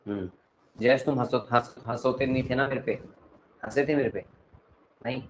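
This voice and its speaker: A young man with a north Indian Hindi accent teaches an online class, mixing explanations with teasing and scolding. His voice jumps from loud outbursts to quiet asides. A faint hum of noise sits behind him. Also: mid-range voice, normal speed, rough recording. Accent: Hindi-speaking north Indian. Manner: scolding, teasing banter with students; animated, swings between loud and soft.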